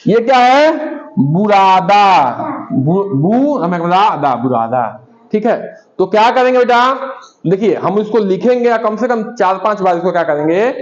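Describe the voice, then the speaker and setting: A man's voice: high-pitched, sing-song, normal speed, dull audio. A male primary school teacher giving a classroom lesson, patiently asking questions and repeating words for pupils to say back.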